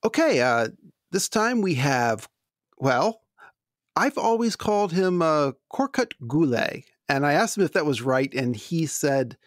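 A man's voice: fairly high pitch, sing-song, a little slow, dry recording, studio quality. A man hosting a podcast interview over a call, casual and friendly, often repeating words as he gathers his thoughts. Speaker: podcast host.

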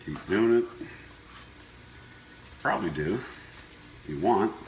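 A man's voice: low-pitched, lively intonation, slow pace. A man hosting a casual home cooking demonstration, talking in an easygoing, offhand way as he works. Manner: laid-back, easygoing, offhand. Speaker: home cooking show host. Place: indoor kitchen. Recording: echoey room with clear kitchen sizzle noise. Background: frying sizzle and stirring.

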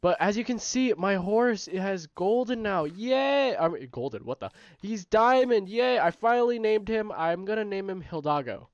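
A man with a stuffy nose giving casual, rambling gameplay commentary as the host of his own gaming channel, often correcting himself and getting excited. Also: high-pitched, normal speed, hardly any pauses, no room sound. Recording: dry, slightly dull home recording.

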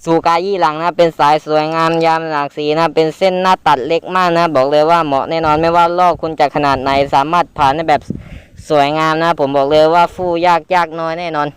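A man commenting live to viewers while fishing, excitable and exclaiming, with light swearing. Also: a little high, fast talker, clean tone, dry recording. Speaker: fishing vlogger. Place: outdoors by the water. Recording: outdoor with faint background noise.

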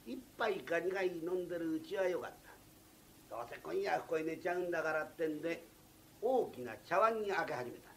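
Brisk Tokyo downtown storyteller, high voice. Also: male voice, a little hiss or hum. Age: 40s. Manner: brisk, chatty, slangy asides. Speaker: rakugo storyteller. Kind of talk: live comic storytelling. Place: small live venue.

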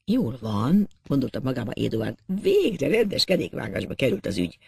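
A man narrating a classic novel as an audiobook, in a measured literary reading that acts out the characters. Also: medium pitch, wildly swooping pitch, creaky, husky, no room sound, studio quality.

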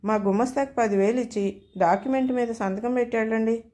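A woman's voice: fairly high pitch, steady tone, fairly quick, mellow, natural voice. Woman reading as a reassuring, breezy male lawyer in an audio story.

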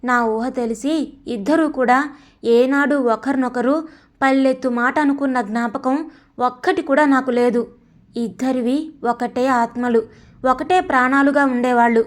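High-voiced woman reading a story. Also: measured pace. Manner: expressive, voicing each character in turn. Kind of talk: reading a family story aloud.

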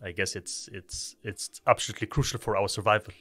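Low-voiced Egyptian-born man explaining calmly. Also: dry recording. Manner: measured, explanatory, with repeated restarts. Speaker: guest, tech company co-founder. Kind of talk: podcast interview.

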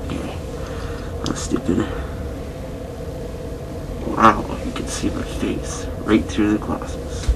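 A man's voice: on the low side, very slow, gravelly, long pauses, heavy background noise. A man from Canada talking through a face mask in a casual gear review, rambling and hesitant, poking fun at himself. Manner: rambling, hesitant, self-mocking. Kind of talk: casual product review vlog.

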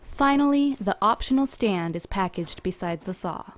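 A woman reading a scripted instructional voice-over in an even, measured, step-by-step manner, recorded apart from the pictured workshop. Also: mid-range voice, a little hiss or hum. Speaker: company video narrator.

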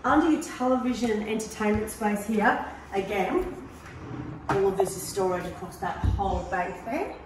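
With a mid-range voice, lively intonation and normal speaking speed, a prize home tour presenter walks through a large, empty modern house and its deck, upbeat as she points out features. A handheld camera follows from a distance, so the echoey rooms put her voice a bit far from the mic, and there's background noise.

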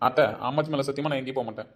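A woman's voice: extremely low pitch, very fast. A woman voicing an earnest, curious young village man in a cartoon, eager and questioning. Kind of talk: cartoon voice acting.

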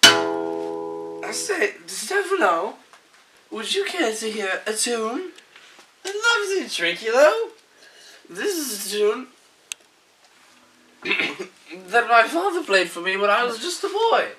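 A woman's voice: a little high, sing-song, slow pace, long pauses, sharp tone, soft background music, full character voice. A woman playing a mock-grand, scornful comic servant with archaic, theatrical phrasing in an improvised Shakespeare parody. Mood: mock-genteel. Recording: roomy, distant mic with faint noise.

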